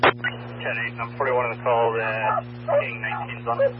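A man's voice: medium pitch, fairly even intonation, moderate pace, recorded from a distance, music in the background. A man on a two-way emergency radio, calling in with terse codes. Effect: two-way radio transmission. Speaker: emergency crew member on the radio. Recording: muffled radio with static, mic held off.

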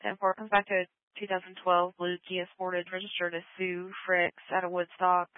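A woman police dispatcher reading out vehicle records in a flat, businesslike way over a police radio transmission. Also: on the low side, normal speed, no room sound. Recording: narrow tinny radio channel, dry.

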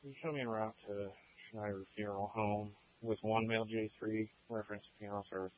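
Officer on police radio: quick, lowish male voice, clipped and businesslike, muffled. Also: steady tone. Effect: police radio transmission. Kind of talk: radio call traffic. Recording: muffled radio with faint hiss.

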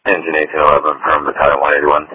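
A man's voice: extremely low pitch, completely flat delivery, rapid-fire, pushed and bright, no room sound. A man talking in terse codes over a police radio channel. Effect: police radio transmission. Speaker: firefighter on radio. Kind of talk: radio dispatch traffic. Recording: tinny radio band.

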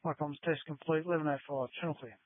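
Quick male dispatcher over crackly radio. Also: on the high side, fairly even intonation, no room sound. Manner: clipped, formulaic read-backs. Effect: two-way radio with static bursts. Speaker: fire service radio dispatcher. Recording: tinny, dry radio transmission.

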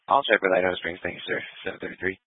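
A man with a low voice runs dispatch over a police radio channel, firing off plates, units and codes at a quick, businesslike clip. The sound is thin and phone-like, close and dry. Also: fairly even intonation, breathy edge, dry recording. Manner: rapid, businesslike dispatch talk. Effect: police radio transmission. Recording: narrow radio band, dry.

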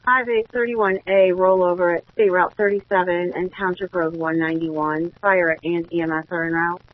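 Lady dispatcher on police radio, kinda low voice, thin tinny scanner sound, short clipped calls. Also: fairly even intonation, moderate pace. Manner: clipped, matter-of-fact.

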